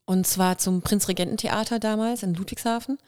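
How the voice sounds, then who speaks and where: A woman with a mid-range, clean voice talks a little quickly. She's an actress and singer from Kirrlach near Waghäusel, Germany, guesting on a relaxed podcast interview with light touches of Kurpfalz dialect. A lively storyteller, she imitates dialect sounds as she goes.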